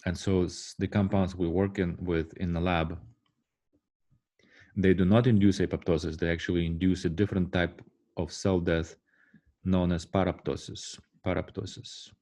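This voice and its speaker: A man giving a university science lecture, halting often with fillers and restarts and checking in with the class. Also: low-pitched, flat delivery, dark tone. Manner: asks the class rhetorical "right?" checks.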